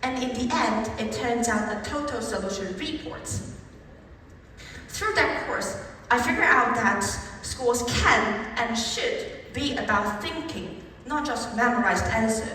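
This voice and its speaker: A young woman from Taiwan with a Taiwanese accent delivers a lively, rhetorical public speech. Her voice sits a little high. She is recorded from far off in a large hall with strong echo and a faint hum of ambience. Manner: animated, rhetorical, emphatic rises on key phrases. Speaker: speech contestant.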